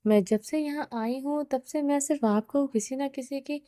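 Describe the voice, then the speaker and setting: A woman's voice: high voice, dark tone, dry recording, clean studio sound, natural voice. A woman voicing a heartbroken young woman who speaks while crying. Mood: tearful.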